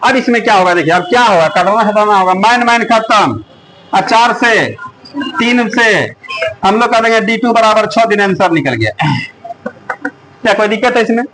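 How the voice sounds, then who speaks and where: A man with a high, fairly bright voice gives a classroom math lecture at a moderate pace, pausing often, on a low-quality recording. He coaxes the students along, repeatedly stopping to ask whether the class is following.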